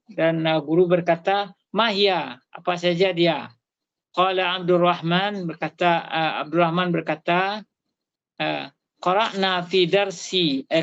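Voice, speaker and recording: A woman student reading and translating a text aloud on an online call, slow and halting, with many fillers and self-corrections. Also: fairly low pitch, fairly bright tone, dull audio. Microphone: online video call.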